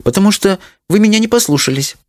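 A man voicing a mischievous, defiant young girl in a storybook reading, with a high, bossy, giggly manner. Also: animated, fast, a little mellow, no echo, clean studio sound.

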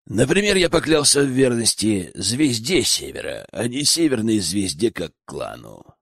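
A man voicing a steady, frank grown male ally in an audiobook, speaking in a low, calm tone. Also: a little slow, creaky, husky, no room sound, clean studio sound, exaggerated voice. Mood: grave.

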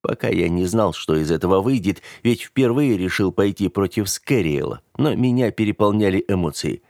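Low-voiced male audiobook narrator. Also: animated, normal speed, a little mellow, no room sound, studio quality. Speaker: audiobook reader. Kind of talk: first-person audiobook narration.

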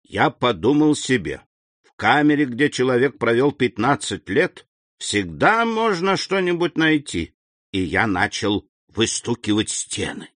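A man's voice: medium pitch, sing-song, a little slow, fairly bright tone, dry recording, pitched above the performer's own voice. A man voicing a humble middle-aged prison gatekeeper, deferential and eager in an audiobook reading.

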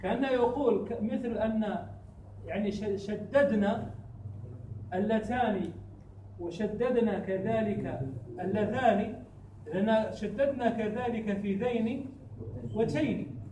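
A man teaching a grammar class, quizzing students with repeated questions and chanting verse lines slowly. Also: sits high, warm tone, slight background noise. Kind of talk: classroom lesson. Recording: echoey room, distant mic.

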